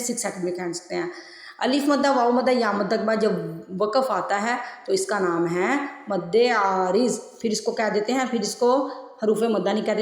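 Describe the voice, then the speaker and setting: A woman's voice: medium pitch, darkish tone. Woman tajweed teacher, patient, repeats everything, roomy echo w long reverb. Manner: patient, repeats rules and counts seconds aloud; draws out recited syllables. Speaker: Quran recitation teacher. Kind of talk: tajweed lesson.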